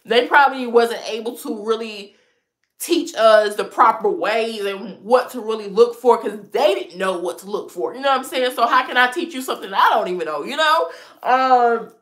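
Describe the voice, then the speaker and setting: At a normal speed and with a slightly high, fairly bright voice, a thirty-something lifestyle vlogger with a head cold replies to viewer comments. She chats frankly about dating and laughs frequently.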